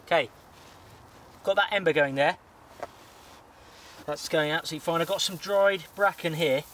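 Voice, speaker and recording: A young man gives relaxed, practical bushcraft instructions while he works. His voice sits slightly high, and he often pauses mid-sentence. Faint outdoor ambience surrounds him at a woodland camp. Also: slight background noise. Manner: explains steps calmly while working with his hands, pauses to blow on embers. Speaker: bushcraft host.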